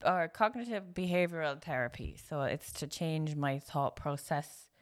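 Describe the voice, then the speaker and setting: Woman, 30s, low voice, podcast co-host, casual chat, laughs a lot, halting after a stroke. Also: lively intonation. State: numb face, recovering from a stroke.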